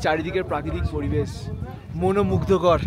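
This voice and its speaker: A man from India narrating a motorcycle travel vlog outdoors on a high mountain road, short of breath and talking slowly in short phrases. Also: fairly even intonation. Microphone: action camera or phone on the bike trip. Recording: noisy outdoor recording with wind and engines.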